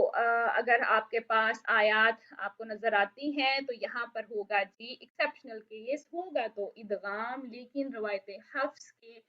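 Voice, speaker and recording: A woman teaching Quran recitation rules, patiently explaining and asking questions she then answers herself, with slow drawn-out recited verses. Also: fairly high pitch. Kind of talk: online tajweed lesson. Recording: dull lo-fi audio.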